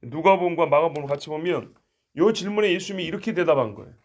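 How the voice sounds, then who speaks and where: A man's voice: fairly high pitch, expressive, racing. A man preaching a sermon as pastor, conversational and acting out the quoted lines.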